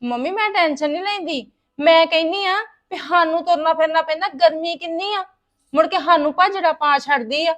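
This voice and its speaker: A woman's voice: very high-pitched, fairly bright tone, dull audio. An actress playing a married daughter venting to her mother about her in-laws in a domestic drama. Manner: aggrieved, rapid complaining. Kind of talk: domestic web drama acting.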